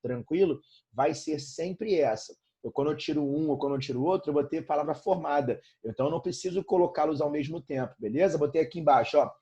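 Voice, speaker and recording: A man's voice: on the high side, fast, few pauses, dark tone, husky, lo-fi sound. A Brazilian man teaching an informal online grammar lesson, repeating points and checking in with frequent tag questions. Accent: Brazilian Portuguese.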